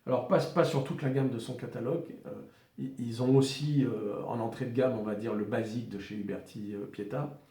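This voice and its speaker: A man with a French accent presenting a collector's revolver in a casual, halting way, with many fillers and restarts. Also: medium pitch, steady tone, warm tone, reverberant.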